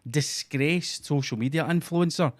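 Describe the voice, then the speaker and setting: A man's voice: on the high side, a little slow. A Scottish man co-hosting a podcast, telling sweary stories in a sardonic, casual way. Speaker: podcast co-host. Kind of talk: casual comedy chat.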